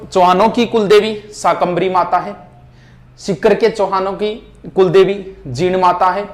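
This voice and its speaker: Fast-talking history teacher. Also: male voice, high voice, fairly bright tone. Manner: rapid, list-like recitation. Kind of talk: fast exam revision lecture at a board. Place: classroom with board.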